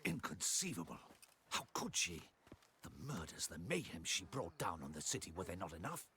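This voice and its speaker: An actor playing a dutiful palace guard commander in a video game, with formal, courtly, crisp diction. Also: male voice, sits low, big pitch swings, normal speed, bright, forceful tone, a little hiss or hum, heavily acted. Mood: indignant, resolute.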